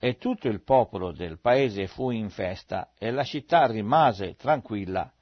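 A man reading aloud from the Bible in a measured, steady way. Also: on the low side, no room sound. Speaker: Bible reader. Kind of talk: scripture reading. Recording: dry, slightly dull recording.

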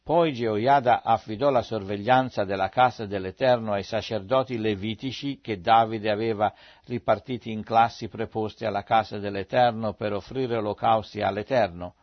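A man reading aloud from the Bible in a measured, steady way. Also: fairly low pitch, dry recording. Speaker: Bible reader. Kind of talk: scripture reading. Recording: dry, slightly dull recording.

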